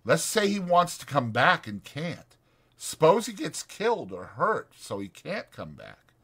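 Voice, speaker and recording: This man performs a voice pitched a little high, above his own natural register, husky and exaggerated, delivered at a measured pace. His character is a bitter, lonely stable hand in a dramatized audiobook who needles people. He speaks in a folksy, taunting, insistent way and gets carried into excited speeches.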